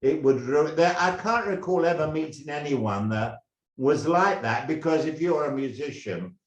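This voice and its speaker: An older man from England, a former drummer, telling stories in a halting, rambling way with many restarts. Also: a little high, animated, muffled recording. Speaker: guest, former band drummer. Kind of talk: casual interview storytelling. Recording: roomy echo.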